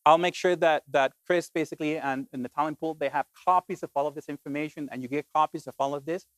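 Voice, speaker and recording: A middle-aged man from Colombia giving an animated, emphatic talk to an audience as a keynote speaker, often saying "basically". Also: fairly high pitch, quick pace, no room sound.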